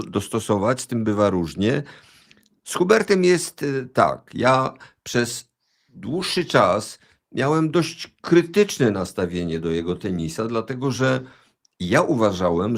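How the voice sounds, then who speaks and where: A man discussing tennis in casual chat, measured and analytical, with some hesitations. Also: mid-range voice. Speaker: tennis pundit.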